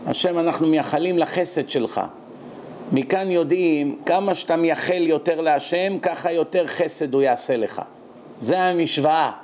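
A man preaching a sermon, telling stories and quoting scripture in a lively, dramatic way. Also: on the high side, slight background noise. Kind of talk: sermon with storytelling.

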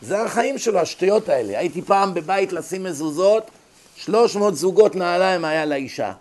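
A man's voice: sits high, lively intonation, darkish tone. A man, a rabbi giving a Torah lecture, who acts out small scenes in other voices as he goes. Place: abroad, in America.

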